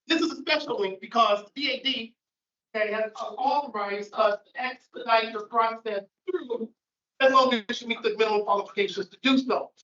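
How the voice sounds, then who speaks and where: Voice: mid-range voice, normal speed, pushed and bright. A recruiter speaking emphatically to an audience, checking in with "okay?". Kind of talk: casual public talk. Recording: echoey, muffled room.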